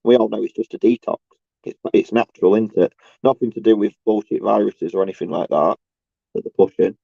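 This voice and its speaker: Croaky and tired from a cold and sore throat, a man with a fairly low voice rambles casually to camera as a solo video host. He's halting and repetitive, searching for words and swearing in exasperation, recorded with dull lo-fi sound and no room echo.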